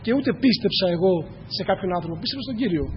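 With lively intonation and a high pitch, a man gives an earnest, repetitive church sermon addressed straight to his congregation. The hall echoes, the sound is dull and lo-fi, and a faint hiss or hum runs through it.

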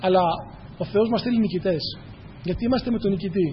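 Guy preaching a sermon, kinda high voice for a man, earnest, keeps repeating himself, dull echoey church recording. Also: a little hiss or hum. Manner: earnest, repetitive, addresses the congregation directly. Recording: echoey hall, dull lo-fi sound.

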